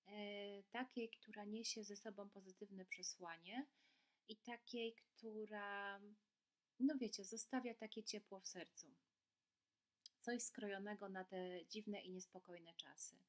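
A woman reading a children's storybook aloud in a gentle, soothing way, then talking casually about it. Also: mid-range voice, poor audio. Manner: gentle, soothing, with filler sounds. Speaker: workshop leader. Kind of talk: storybook narration.

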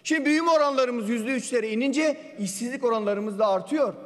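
A man's voice: extremely high pitch, a little fast. A man giving a parliamentary budget speech into a podium microphone, assertive and firing pointed rhetorical questions. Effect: speaking into a podium microphone. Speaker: member of parliament. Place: parliament general assembly hall. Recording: long reverb of a large chamber.

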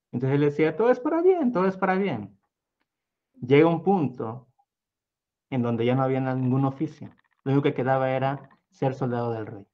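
A man's voice: medium pitch, a little mellow, dull audio. Man telling a story. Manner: meandering, lots of fillers and restarts, acts out voices. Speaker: guest storyteller. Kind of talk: casual oral storytelling.

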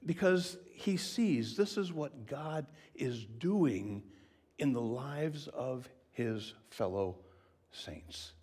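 Husky, animated male preacher. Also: medium pitch, drawn-out words. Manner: expressive, often dropping to a whisper for emphasis; conversational, asks the congregation questions. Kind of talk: sermon.

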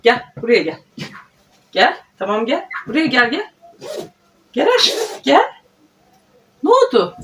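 A woman talks slowly in a high voice in a casual home vlog, coaxing and cooing to her pet parrot. She sounds set back from the mic, with steady background noise in the room. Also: distant mic. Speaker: vlogger.

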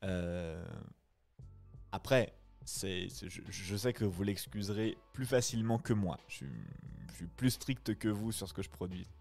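Man, low voice, friendly live-stream chat, faint music behind. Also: a little slow, vocal fry, darkish tone. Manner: friendly, reflective, chatty. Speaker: streamer and voice-acting reader. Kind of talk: casual chat answering live viewers.

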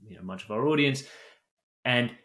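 British podcast host in a roomy study. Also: male voice, mid-range voice, moderate pace, a bit bright. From Britain. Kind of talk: video call interview. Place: home study. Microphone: desk microphone.

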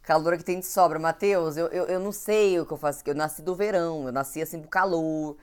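A woman's voice: sits low, fairly even intonation, a little fast, clear, resonant tone. A young woman from Brazil with a cold, chatting casually with viewers on a live stream and greeting them by name. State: has a cold. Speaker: nutritionist hosting an Instagram live. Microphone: home recording setup.

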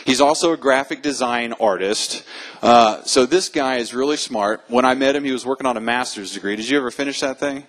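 A man's voice: medium pitch, a little fast, fairly bright tone, rough recording. A man introducing the next speaker to a live audience in a friendly, conversational way. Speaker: event host introducing a speaker. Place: live talk before an audience.

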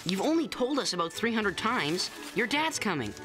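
An actress voicing a nervous, good-natured schoolboy who talks awkwardly and hesitantly. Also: female voice, mid-range voice, big pitch swings, normal speed, music in the background, lightly acted.

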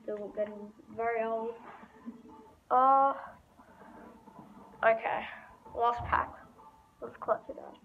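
A woman's voice: fairly high pitch, steady tone, slow pace, vocal fry, long pauses. Woman with a tinny phone-line sound. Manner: rambling, chatty, addresses viewers as guys. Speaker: mobile game channel host. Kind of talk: casual game pack-opening commentary. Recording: tinny phone-like audio with faint hiss.

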